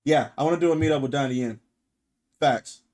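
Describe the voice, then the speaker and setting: A man's voice: mid-range voice, brisk, darkish tone. A man streaming live, talking bluntly and emphatically to his chat, peppering his points with profanity and rhetorical "right?" tags. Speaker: streamer reacting and reading chat. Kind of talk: casual livestream rant.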